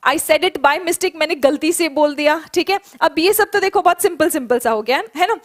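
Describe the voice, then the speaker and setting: A young woman teaching an online spoken English class, explaining in Hindi and drilling English phrases slowly for students to repeat. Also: high-pitched.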